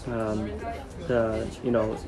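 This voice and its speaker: A man's voice: lowish voice, completely flat delivery, takes it slowly, rough recording. A man interviewing in casual conversation, asking questions with many fillers. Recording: clear crowd chatter behind.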